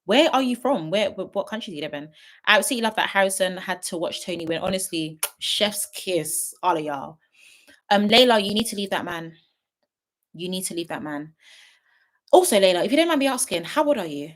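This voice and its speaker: A woman's voice: medium pitch, animated, fairly quick. A woman in her late twenties chatting casually on a livestream, reading viewer comments and giving frank, big-sister style advice. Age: 20s. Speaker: YouTube host on a livestream.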